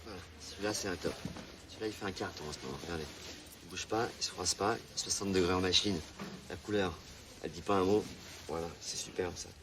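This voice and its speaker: An actor playing a young, eager male salesman with a smooth, pleading sales patter. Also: deep voice, fast talker, noisy background.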